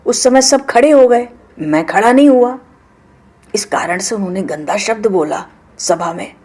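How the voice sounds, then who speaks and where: A woman voicing a calm, soft-spoken male god. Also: mid-range voice, unhurried, slightly rough. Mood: gently warning. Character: calm ascetic male god, gently refusing.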